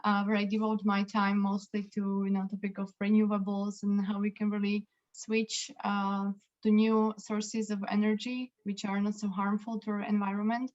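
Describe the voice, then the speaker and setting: A woman's voice: medium pitch, little pitch movement, normal speed, a little mellow. Earnest woman on a dull call line. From Slovakia. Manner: earnest, repeats words while searching. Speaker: interview guest, energy consultant. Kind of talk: self-introduction on a video call.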